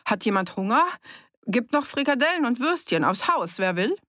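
A woman reading a busy male innkeeper in a dry audiobook recording, voiced hurried and confiding. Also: fairly low pitch, lively intonation, no echo. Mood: offering.

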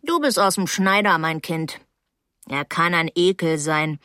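A woman reading puts on a nosy old night nurse who drawls her gossip slowly in a lowish voice. She sounds sly, and the audiobook recording is dry and close. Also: lively intonation, bright, forceful tone, no echo. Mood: gossipy.

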